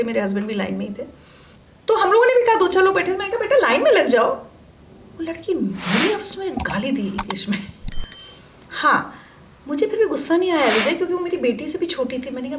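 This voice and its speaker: A middle-aged woman, an interview guest, telling her stories with animated emphasis in a conversational interview. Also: high voice, fairly quick, reverberant, background noise. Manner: animated, emphatic storytelling, acts out quoted voices. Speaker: interview guest, media personality.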